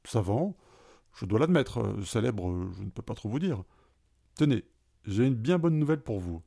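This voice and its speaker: A man's voice: lowish voice, sing-song, normal speed, vocal fry, mellow, exaggerated voice. A man reading a story aloud, voicing an eccentric professor who swings from hesitant to grandiose. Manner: hesitant, then exalted and solemn.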